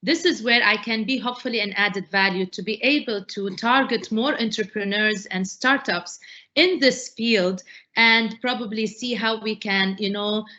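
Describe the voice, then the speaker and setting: Bright-voiced enthusiastic woman guest. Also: medium pitch, normal speed, highs cut off. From Lebanon. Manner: enthusiastic, many "uh" fillers. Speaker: startup advisor, guest. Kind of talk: interview answers.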